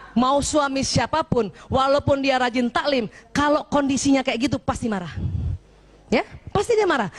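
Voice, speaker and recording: A woman from Indonesia giving a religious talk to a gathering of women, lively and teasing, often checking that her listeners follow. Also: sits high. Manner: lively and teasing, often asks the audience questions. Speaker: preacher addressing women.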